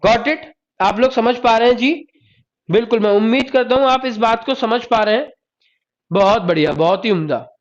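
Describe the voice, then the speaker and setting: A man's voice: very high voice, moderate pace. Male tutor, live online class: repeats every point, quizzes and praises students, muffled lo-fi stream. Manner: praises students by name, calls them "sahab" and "beta". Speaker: Hindi teacher. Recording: dull lo-fi stream audio.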